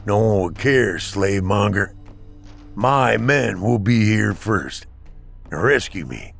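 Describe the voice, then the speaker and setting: Dude doing a gruff slow union captain, deep voice, faint music. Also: male voice, expressive, a bit bright, exaggerated voice. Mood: defiant. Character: male Union army captain, stern and stubborn.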